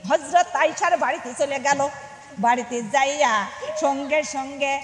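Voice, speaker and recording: A woman's voice: sits high, moderate pace. A woman preacher tells a religious story in a sing-song sermon style and calls out to her listeners. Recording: echoey hall reverb.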